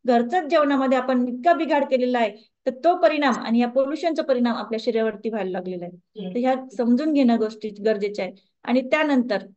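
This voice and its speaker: Woman, wellness coach, high voice, conversational lecture, muffled lo-fi sound. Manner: conversational, asks the audience questions. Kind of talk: lecture to a group.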